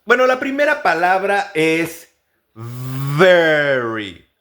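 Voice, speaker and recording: This English pronunciation teacher is a Mexican man whose Mexican Spanish accent colors a somewhat high, animated, slightly bright voice. His lesson is slow, with every practice word said several times over as a drill.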